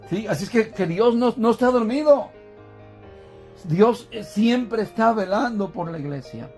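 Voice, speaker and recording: A man with a high voice preaches a sermon in a church. He keeps putting questions to the congregation and calls them brothers, repeating and restarting words as he goes. Soft music plays faintly behind him.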